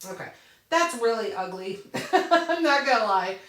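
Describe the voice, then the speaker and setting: Slightly high and a bit bright, the woman's voice has lively intonation and a somewhat slow pace. She's a native English speaker hosting a casual live craft Q&A, thinking aloud as she demonstrates on her computer, answering viewers, and laughing often, recorded with roomy echo a bit away from the mic.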